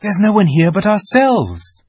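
Bold eldest boy done by a male reader, firm, loud, raised voice, lively. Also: sits high, measured pace, slightly rough, no echo, voice pushed up, heavily acted. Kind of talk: storybook reading.

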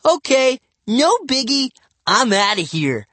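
A man reading an audiobook and voicing a whiny, bratty young boy who shouts and complains, with soft music underneath. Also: wildly swooping pitch, takes it slowly, breathy edge, dry recording, full character voice. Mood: sulky. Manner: shrill, whining, shouting.

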